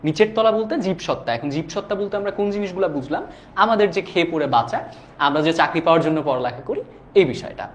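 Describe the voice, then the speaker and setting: A man's voice: fairly high pitch, lively intonation, fast, a little hiss or hum. A young man teaching a live online class. He talks casually, reads viewer comments aloud and keeps checking whether students follow. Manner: casual and chatty, often asks "do you understand?".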